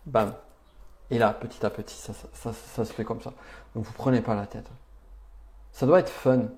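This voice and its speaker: A man's voice: medium pitch, steady tone, normal speed, a little mellow. A man giving an upbeat, chatty live-stream talk on personal development, answering viewers' chat comments with emphatic asides.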